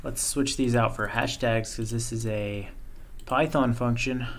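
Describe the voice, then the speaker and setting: A man presenting a coding tutorial, thinking aloud in a relaxed way as he walks through code on screen. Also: mid-range voice, a little slow. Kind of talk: screen-share coding walkthrough.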